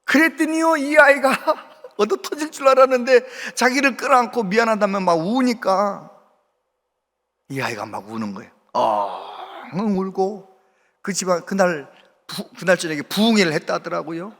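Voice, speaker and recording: Middle-aged pastor telling a story in his sermon, fairly high voice, long church echo. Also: expressive, moderate pace, fairly bright tone. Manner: storytelling, acting out quoted voices. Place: church sanctuary. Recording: long hall reverb from the church. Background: hall reverb.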